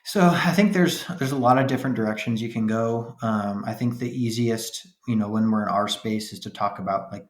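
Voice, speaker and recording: A man's voice: on the low side, brisk, hardly any pauses, roomy sound. A man in his thirties, a podcast guest, talking earnestly and steadily with plenty of "um" and "right?". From upstate New York. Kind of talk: casual interview chat.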